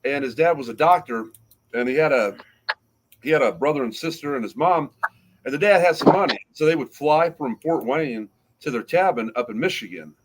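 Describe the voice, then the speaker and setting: A man's voice: mid-range voice, lively intonation, moderate pace, noisy background. A man hosting a casual sports podcast, rambling through picks and a story while laughing often. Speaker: podcast host.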